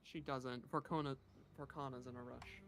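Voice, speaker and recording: A player narrating their character's actions in a tabletop game, in a measured, descriptive way. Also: medium pitch, steady tone, a little hiss or hum.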